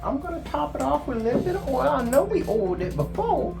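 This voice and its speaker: A man's voice: very high voice, sing-song, fast, creaky, over music, voice pushed up, full character voice. A man putting on the voice of a sweet, folksy little old granny who drawls her exclamations. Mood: folksy cooing.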